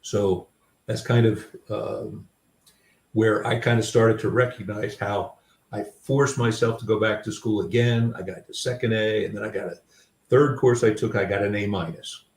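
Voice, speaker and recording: An older man with a low voice tells candid, self-deprecating stories about himself, pausing and restarting as he reflects. His voice sits a little back from the mic. The room around him rings noticeably. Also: fairly even intonation, roomy sound, far from the mic. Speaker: author and guest. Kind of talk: reflective personal storytelling.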